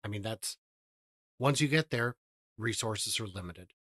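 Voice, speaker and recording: A man's voice: lowish voice, unhurried, a bit bright, dry recording, clean studio sound. A man in his thirties, a guest on a video-call interview, speaking eagerly and upbeat into a headset. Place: indoor room.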